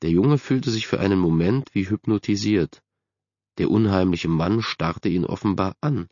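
A man calmly narrating a spooky youth novel in a measured way, as an audiobook narrator in a dull, dry booth recording. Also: deep voice, dry recording. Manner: calm, measured storytelling.

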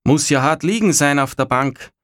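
A man voicing a brooding old farmer father who grumbles in a halting way. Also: a little high, fairly bright tone, dry recording, clean studio sound, pitched above the performer's own voice, lightly acted. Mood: gruff.

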